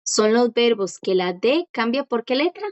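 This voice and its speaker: In an unhurried online language class, a woman with a slightly high, widely swinging pitch walks through grammar with patience. She repeats the important points and keeps making sure her students understand. The sound is lo-fi, with no room ambience.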